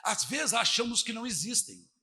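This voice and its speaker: A Brazilian man preaching a dramatic sermon as pastor, switching between shouted lines and quiet asides. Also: very high-pitched, very animated, normal speed, slightly rough. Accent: Brazilian Portuguese. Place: church hall. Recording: church hall reverb.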